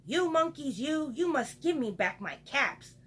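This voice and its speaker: A woman's voice: high voice, big pitch swings, unhurried, fairly bright tone, slight background noise, pitched above the performer's own voice, exaggerated voice. A woman voicing an exasperated male cap peddler in a storybook read-aloud, calling out and scolding.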